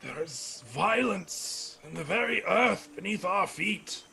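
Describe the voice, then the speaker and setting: Grumpy, creaky old man, high and raspy. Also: expressive, pushed and bright, slight background noise, heavily acted. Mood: mournful, grumbling. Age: older. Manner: grumpy, slow, brooding and solemn. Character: grumpy, bitter old man, nature priest mourning his shrinking flock. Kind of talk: tabletop role-play acting.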